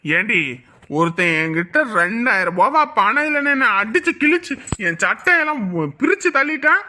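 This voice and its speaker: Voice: mid-range voice, sing-song, normal speed, bright, forceful tone. A bitter vengeful husband. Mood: harsh. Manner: harsh, bossy, muttering threats.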